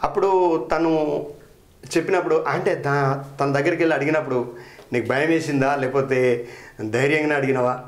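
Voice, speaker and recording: A man's voice: fairly high pitch, steady tone, fairly quick, long pauses. A middle-aged man interviewing a guest, encouraging him with frequent approving murmurs. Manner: encouraging, frequent hmm and super. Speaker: interviewer, talent show host. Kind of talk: interview questions. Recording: echoey room.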